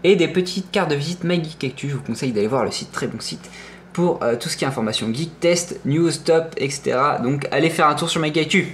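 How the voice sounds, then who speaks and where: A young man with a French accent, his voice slightly high and quick over a faint hiss or hum, gives a loose, wandering tour of his gaming room. He's a streamer showing off his setup, stumbling and correcting himself a lot while cracking playful, eager jokes about his collectibles.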